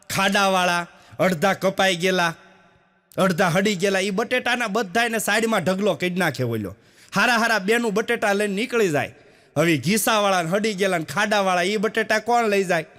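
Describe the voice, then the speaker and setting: A stand-up comedian with a high, sharp voice tells folksy stories in a chatty way, addressing the audience directly.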